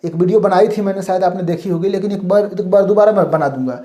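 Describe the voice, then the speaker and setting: A male teacher running a mock class, firing off questions and then supplying the answers himself. His tone is mellow and unhurried. The room around him rings with a noticeable echo. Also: high-pitched. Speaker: Hindi teacher. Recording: roomy echo.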